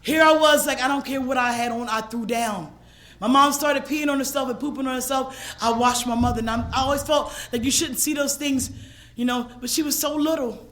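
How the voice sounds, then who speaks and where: A woman from gives a personal recovery testimony at a convention. She moves between hushed storytelling and raw, shouted passages. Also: sits high, brisk. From Philadelphia, USA. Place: convention hall stage.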